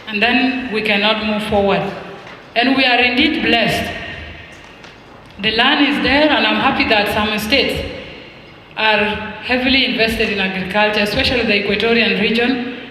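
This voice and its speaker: A man from South Sudan with a South Sudanese English accent, giving a formal public speech at an expo launch, deliberate and emphatic with rhetorical questions and repetition. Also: extremely high pitch, bright, forceful tone, slight background noise. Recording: echoey hall with long reverb.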